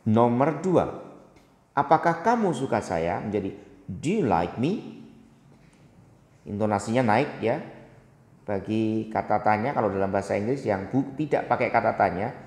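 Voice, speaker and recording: Middle-aged male teacher, patient and explanatory, slows down on example sentences; echoey room with a long tail. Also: on the low side, a little mellow. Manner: explanatory, slow and deliberate on English example sentences. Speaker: English teacher. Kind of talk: recorded grammar lesson.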